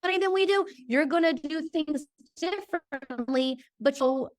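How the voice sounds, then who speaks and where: A woman's voice: high-pitched, unhurried. A woman from Georgia in the US, a podcast guest on a video call, talking emphatically and checking in with her listener as she goes. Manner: emphatic, lively, keeps checking in with "okay?". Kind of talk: casual interview chat.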